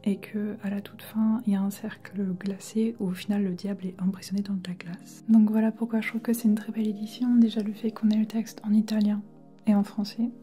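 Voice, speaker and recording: Female ASMR presenter, casual library whisper, very mellow and even, music in the background. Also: mid-range voice, brisk, few pauses. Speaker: ASMR book collector presenter. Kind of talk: ASMR, whispered casual chat about books.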